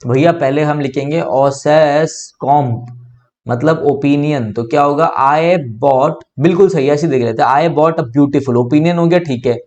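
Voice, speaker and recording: This is a young man with an Indian accent giving an online English grammar lesson. His voice sits a little high for a man. He explains each rule step by step, often asks the class a question and then answers it himself. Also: unhurried, a little mellow. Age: young adult.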